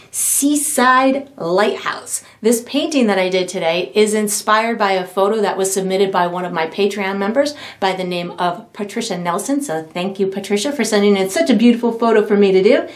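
A middle-aged woman hosts her own painting lessons, speaking cheerfully and directly to the viewer. Her voice sits at an ordinary middle pitch for a woman. She is recorded indoors in a studio, filmed at medium distance. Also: moderate pace. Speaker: painting instructor. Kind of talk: friendly tutorial intro and outro.

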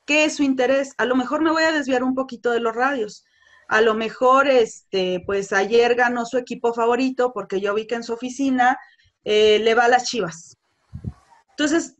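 A woman leads a course on customer service. Her voice sits a little high, and she explains at an easy, instructive pace, leaning on fillers like "este" and "pues". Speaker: sales trainer.

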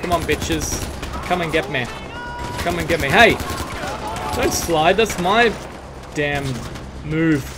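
A man commentating while he plays a video game, excitable and jokey, often laughing and shouting at the game. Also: on the high side, takes it slowly, pauses often, heavy background noise. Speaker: gaming video host. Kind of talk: let's play commentary. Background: game music and gunfire.

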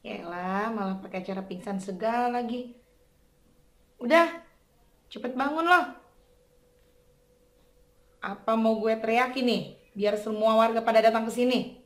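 A woman plays a young, bossy female debt collector in a comedy skit. Her voice is high and she talks in a scolding. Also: measured pace, long pauses, lightly acted. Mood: annoyed, threatening. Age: young adult. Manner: scolding, demanding. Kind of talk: comedy skit acting, colloquial. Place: indoors, in a house.

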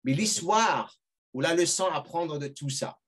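A middle-aged man tells a story in an animated way, stumbling through restarts and repeated words. His voice sits on the higher side and has a husky edge. He sounds like a podcast guest chatting casually. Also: measured pace.

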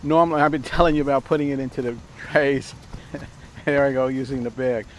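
The speaker is an older man hosting a casual cooking demo in a backyard next to a fence, recorded through a lapel mic with low quality and a little hiss or hum. His mid-range voice barely moves in pitch and runs a little fast as he rambles, restarting often and using many fillers.

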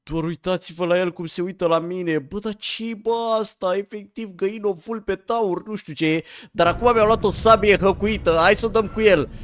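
A young man giving excited gameplay commentary, talking straight to viewers and swinging from hushed murmurs to sudden yelps. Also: sits high, few pauses. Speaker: gaming YouTuber. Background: game music.

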